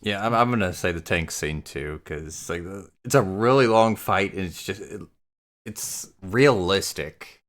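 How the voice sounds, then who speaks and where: A man's voice: low-pitched, measured pace, fairly bright tone. A man hosting a casual movie podcast, easygoing and steering the questions. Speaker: podcast host. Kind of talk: casual movie review chat.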